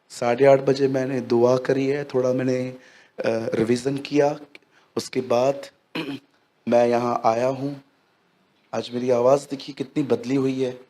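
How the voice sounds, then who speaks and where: A man preaching a sermon in a church hall, lively and joking with the congregation. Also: on the high side. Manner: lively, joking with the congregation, acts out little scenes. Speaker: pastor.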